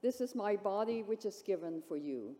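A woman priest reciting the Eucharist liturgy in a solemn, measured, reverent way, with a long cathedral echo. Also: mid-range voice, expressive, mellow. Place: large church, indoors.

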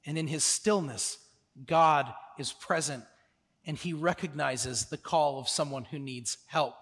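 Earnest high-voiced pastor in a reverberant hall. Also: male voice. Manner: earnest, swings from soft and slow to loud and insistent. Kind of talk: sermon.

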